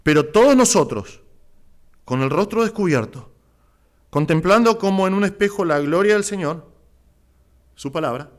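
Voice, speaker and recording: Impassioned Rioplatense pastor preaching. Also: male voice, sits high, expressive, normal speed, long pauses. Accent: Rioplatense Spanish. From Argentina. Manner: impassioned preaching, swinging between loud exclamations and hushed asides. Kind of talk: sermon.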